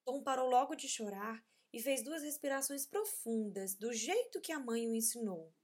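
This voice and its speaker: A young mother reading a children's story aloud, with clear and expressive storytelling. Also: on the high side, normal speed.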